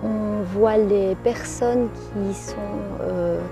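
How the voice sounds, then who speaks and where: A woman, a life coach and author, giving thoughtful interview answers, hesitating often with pauses and fillers. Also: mid-range voice, over music.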